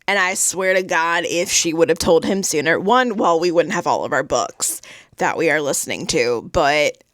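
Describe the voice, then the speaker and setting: A woman's voice: low-pitched, normal speed, fairly bright tone, dry recording, studio quality. A woman and mother vlogging casual reactions to her reading, talking emphatically and exclaiming straight to her viewers. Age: adult mother. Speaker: book vlogger.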